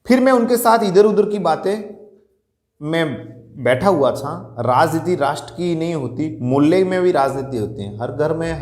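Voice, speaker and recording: A man's voice: on the high side, a little mellow, reverberant. A male college teacher reading a Hindi story aloud and explaining it line by line, stopping to ask and answer his own questions. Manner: reads a passage then paraphrases it, asks rhetorical questions.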